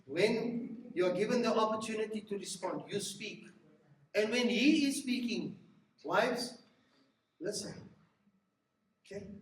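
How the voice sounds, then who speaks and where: A man's voice: high-pitched, unhurried, long pauses. A man preaching a sermon on marriage, emphatic and acting out what spouses say to each other. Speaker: pastor. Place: church hall. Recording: echoey hall, mic from a distance.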